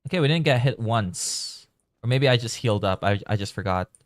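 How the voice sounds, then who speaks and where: A man's voice: medium pitch, lively intonation, fairly quick, no echo. A man from the Philippines giving casual, rambling commentary while live-streaming a game. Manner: chatty, rambling, thinking aloud.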